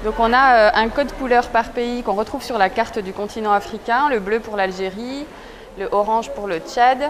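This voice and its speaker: Against the bustle of a crowded indoor exhibition hall, the exhibition's creator, a woman of thirty from around Besançon in eastern France, talks at a normal speed in a voice on the high side. The interview is casual, and her explanations are full of hesitations.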